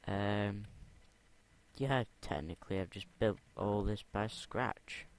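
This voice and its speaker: A man's voice: lowish voice, slow pace. A young man rambling and talking to himself as he plays a game, repeating words under his breath. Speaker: gamer. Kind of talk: game commentary.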